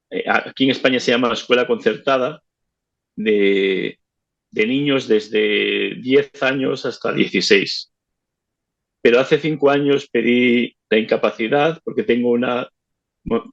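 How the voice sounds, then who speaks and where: Cuban-born man in his fifties, muffled. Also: mid-range voice. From Cuba. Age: 50s. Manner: halting, repeats words while recalling. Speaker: interview guest, retired teacher. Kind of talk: casual interview.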